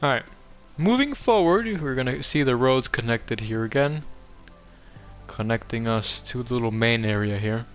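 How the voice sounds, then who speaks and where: A young man who hosts gaming videos gives an animated, offhand game tour, rambling along and making light of himself. He is a young adult with a mid-range, somewhat bright voice and a moderate pace. Music sits behind the voice.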